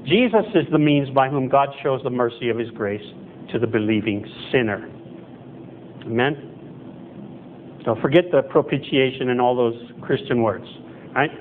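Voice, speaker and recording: A man's voice: medium pitch, lively intonation, a little slow, pauses often. A middle-aged man preaching a conversational sermon as pastor in a chapel, correcting himself as he goes. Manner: conversational, self-correcting, acts out quoted voices. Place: church chapel hall with projector screen, indoors. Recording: tinny phone-like sound with faint noise.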